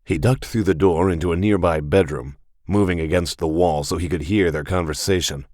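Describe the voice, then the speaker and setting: A man reading a fantasy game novel aloud as an audiobook narrator, in a steady, even manner. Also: low voice, a little fast, no room sound, studio quality.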